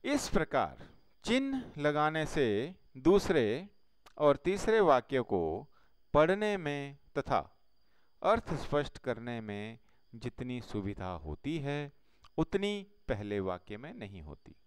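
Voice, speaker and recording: A man teaching a Hindi grammar lesson, explaining slowly step by step with pauses. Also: medium pitch, very animated, a little hiss or hum.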